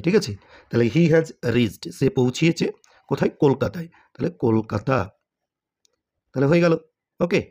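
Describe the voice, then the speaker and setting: A man's voice: on the high side, darkish tone. A man teaching English grammar to students, asking questions and answering them himself, with frequent "okay?" check-ins.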